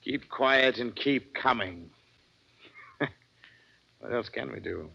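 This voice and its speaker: An actor playing a weary, fatherly older ship's captain in an old radio drama, calm and reassuring. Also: mid-range voice, slow pace, vocal fry, husky, full character voice. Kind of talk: 1950s radio drama acting. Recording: dull old radio recording.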